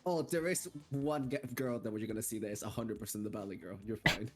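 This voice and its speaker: A man's voice: on the low side, animated, a little fast, soft background music. A man co-streaming a game who chats casually and shares trivia about the voice cast. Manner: casual, chatty, explains trivia. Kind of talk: casual gaming chat.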